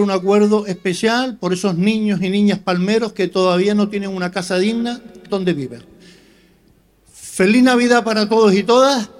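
Higher-pitched man giving a public speech. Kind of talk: ceremonial public speech at a Christmas lighting event.

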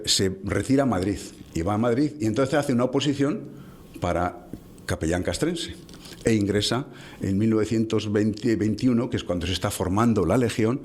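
Halting man telling old stories. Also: on the low side, breathy edge. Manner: halting, many restarts and fillers, lively when telling anecdotes. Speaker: interviewee telling local history. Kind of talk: conversational storytelling.

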